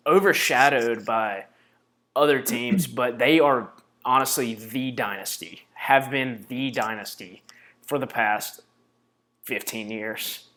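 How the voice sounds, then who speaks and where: A man's voice: medium pitch, takes it slowly, bright, forceful tone, slight background noise. A young man hosting a casual sports podcast, making emphatic, brash predictions. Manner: emphatic, brash hot takes. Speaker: podcast host.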